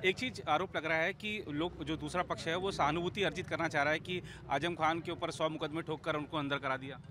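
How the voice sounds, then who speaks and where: A man's voice: on the high side, steady tone, brisk, noisy background. A male reporter interviewing party workers outdoors on a street, prompting them with short replies. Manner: keeps saying "ji" to prompt.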